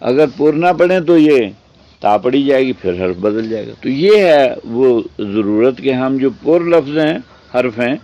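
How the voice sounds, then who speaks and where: A male Quran teacher gives a tajweed lesson at a mid-range pitch. He explains each point step by step, poses his own questions, and stretches the recited words out slowly. The recording sounds dull and lo-fi. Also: lively intonation, warm tone.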